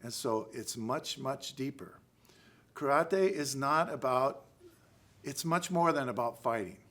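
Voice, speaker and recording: An American man speaking as a karate instructor in a halting lecture, often pausing to check in with "right?". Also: mid-range voice, lively intonation, a bit bright. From United States. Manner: halting, with pauses and frequent "right?" check-ins. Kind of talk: spoken class lecture.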